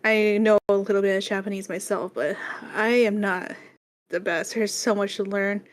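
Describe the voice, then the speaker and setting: Gruff polite tv hostess lady, a player puts her on, measured and calm. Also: medium pitch, lightly acted. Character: poised, polite female TV show host.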